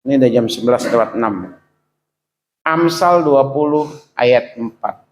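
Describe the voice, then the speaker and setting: A middle-aged pastor preaches to his congregation, addressing them directly with rhetorical questions. He swings between high, pleading exclamations and quiet, low asides at a measured pace. The audio is poor, with slight background noise.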